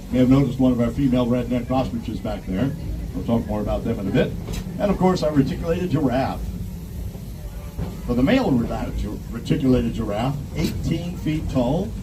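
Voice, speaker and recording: Male tour guide's lively theme park ride spiel, noisy. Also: mid-range voice, far from the mic. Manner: folksy, addresses riders as folks, repeats safety reminders. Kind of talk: theme park ride spiel, live narration of passing sights. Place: outdoors on a moving open tour train.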